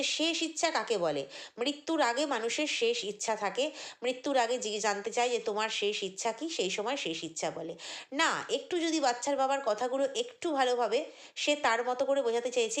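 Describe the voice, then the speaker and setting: A woman vlogger, giving an indignant, chatty commentary monologue full of fillers and repeated words. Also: a little high. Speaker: vlogger commenting on other creators.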